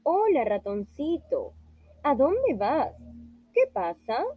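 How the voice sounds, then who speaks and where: A woman's voice: high-pitched, wildly swooping pitch, takes it slowly, no echo, narrow, tinny audio, faint music behind, full character voice. A woman voicing a hungry, scheming fox who sweet-talks its prey. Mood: coaxing.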